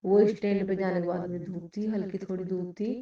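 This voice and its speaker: A woman's voice: mid-range voice, little pitch movement, a little fast, mellow. A middle-aged woman telling a rambling story of her own to a congregation, quoting family members and restarting her sentences. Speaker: devotee sharing a testimony. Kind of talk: spoken testimony to a congregation. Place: large echoey hall. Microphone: far from the microphone. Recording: echoey hall from far off, dull.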